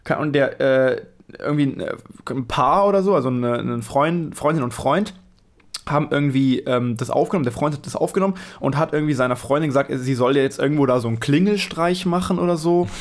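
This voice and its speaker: A man's voice: medium pitch, quick pace. A young man, chatting casually as a podcast co-host and rambling with many restarts.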